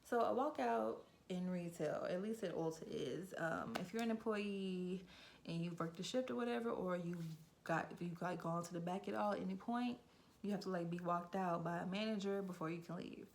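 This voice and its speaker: A woman's voice: fairly low pitch, moderate pace, vocal fry, a little mellow. A young adult woman vlogger telling a casual storytime, chatty and filler-heavy, with a frequent "like".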